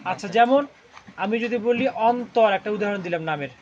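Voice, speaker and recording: High-voiced teacher drilling his class. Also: animated, a little fast, a little hiss or hum. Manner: quizzes students constantly, ending lines with "right?". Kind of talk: classroom lesson with call-and-response drilling. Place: classroom with students. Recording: dull lo-fi classroom recording.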